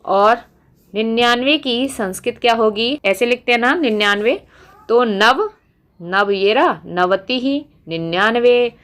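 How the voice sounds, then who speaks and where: A woman teacher giving a lesson, reciting number words slowly and asking the viewer questions as she goes. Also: fairly high pitch, expressive, a bit bright. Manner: slow, deliberate recitation, quizzing the viewer. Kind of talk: classroom lesson.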